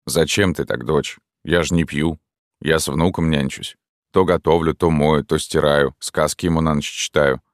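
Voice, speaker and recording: A touchy aging stepfather, grumbling and plaintive by turns, read by a man in an audiobook. The voice is extremely deep and heavy. The sound is dry, with no room around it. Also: fairly even intonation, moderate pace, dry recording. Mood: hurt. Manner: plaintive, scolding.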